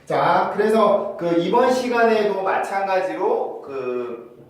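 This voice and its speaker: A man teaching English pronunciation in an online lesson, repeating model words slowly in drills. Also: sits high, animated, heavy reverb, distant mic, low-quality recording. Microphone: lavalier or shotgun mic on phone camera.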